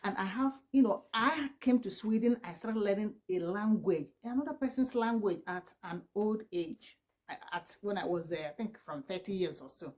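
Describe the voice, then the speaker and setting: A Nigerian mother of four in her forties, from the southeast and an Igbo first-language speaker, gives earnest advice to camera as a vlogger. She pleads with repeated "please" and restarts often. Her medium-pitched, Nigerian-accented voice is animated and a little mellow, at a moderate pace.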